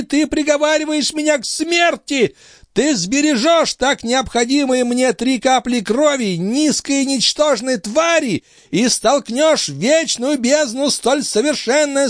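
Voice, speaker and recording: A man voicing an ancient, frail male alchemist, wrathful and scornful, with a weak, quavering old voice and shrill shouting outbursts. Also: no room sound, studio quality. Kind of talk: audiobook character voice.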